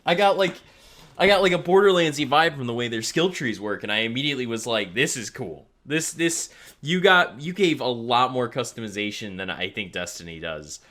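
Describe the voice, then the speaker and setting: A man co-hosting a podcast, chatting casually about video games and jumping into high-pitched exclamations. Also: expressive, a little fast, bright, forceful tone. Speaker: podcast co-host. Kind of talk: casual gaming chat.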